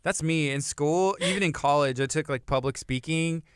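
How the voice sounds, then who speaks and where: Easygoing Texan radio host. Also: female voice, deep voice, moderate pace, smooth, dry recording, studio quality. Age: 30s. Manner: easygoing, chatty. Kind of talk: casual radio chat.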